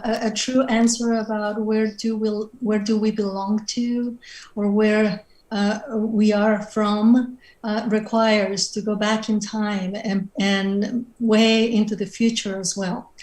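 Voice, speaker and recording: A middle-aged Mexican woman, a native Spanish speaker with a Mexican Spanish accent, is a writer on a panel held over video call. She talks slowly and thoughtfully, searching for her words, in a medium-pitched, darkish voice with little pitch movement. The reflective conversation is captured in roomy video-call audio.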